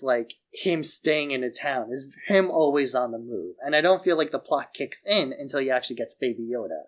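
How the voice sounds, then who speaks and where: A podcast co-host argues his opinions in casual, loose, colloquial chat, saying "like" a lot as he makes his points. His voice is a little high and fairly bright.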